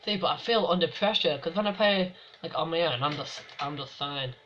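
A young man with a fairly high voice talks over his football match, excitable and foul-mouthed, yelling at the players and the referee. The recording is dull and lo-fi, with a faint hiss underneath. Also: brisk. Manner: excitable, swears, shouts at the game. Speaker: gamer playing football career mode. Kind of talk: casual gameplay commentary.

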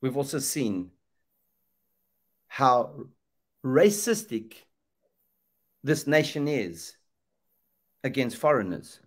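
Very slowly and with long pauses, a middle-aged Zambian man preaches fervently in a medium-pitched voice with lively intonation. He's on a webcam video call in an indoor room, repeating phrases and asking rhetorical questions like a preacher.

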